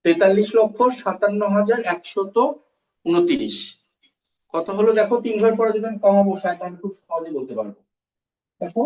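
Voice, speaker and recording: A man with a high-pitched, slightly mellow voice teaches a primary school math class, going step by step, repeating terms, and quizzing his pupils. The classroom lesson was recorded in a roomy space and sounds distant and dull.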